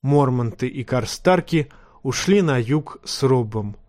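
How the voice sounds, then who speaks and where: A man reading a fantasy novel aloud in steady, even audiobook narration. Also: medium pitch, unhurried, no echo, studio quality. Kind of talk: scripted narration.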